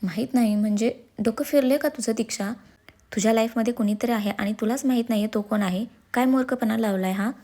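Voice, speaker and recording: A woman voicing a quick-tempered, teasing young husband in a storybook reading, asking hurried, raised questions. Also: fairly high pitch, warm tone, lightly acted. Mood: irritated.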